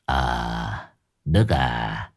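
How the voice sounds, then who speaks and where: A man voicing a cold, menacing middle-aged gang boss who talks slowly and threateningly. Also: rumbling low, animated, voice pushed down, exaggerated voice. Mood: cold menace.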